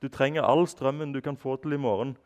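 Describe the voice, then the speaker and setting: A solemn head butler, read by a man who speaks in a flat, clipped way and scolds at every turn. The voice sits at an ordinary middle pitch, read aloud from a storybook. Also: natural voice. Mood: curt, scolding. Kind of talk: reading aloud from a novel.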